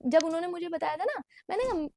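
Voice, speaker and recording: Chatty young woman with a gravelly edge. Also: very high voice, animated, fast, dark tone, no room sound. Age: 20s. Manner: chatty, mixes English phrases into Hindi and keeps saying "bhai". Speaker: vlogger. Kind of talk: casual storytime monologue. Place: indoor room at night.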